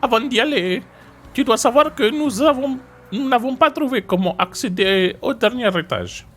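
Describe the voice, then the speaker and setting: A man with a Marseille accent voicing an excitable, high-pitched male police chief for a game. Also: normal speed, soft background music, exaggerated voice. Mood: briefing. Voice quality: high and bright.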